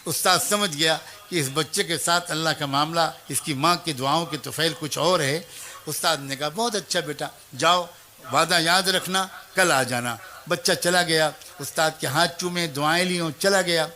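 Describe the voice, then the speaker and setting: A man's voice: on the high side, bright, forceful tone, a little hiss or hum. A man preaching a sermon as a story, emotive and dramatic, speaking each figure's lines himself and turning to address mothers and young people directly. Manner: emotive, voices the teacher, child and mother in turn.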